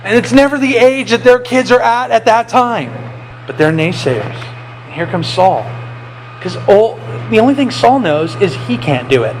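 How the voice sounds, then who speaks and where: A man pastor preaching a sermon, animated, swinging between loud and hushed with playful asides. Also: high-pitched, normal speed, slight background noise, rough recording.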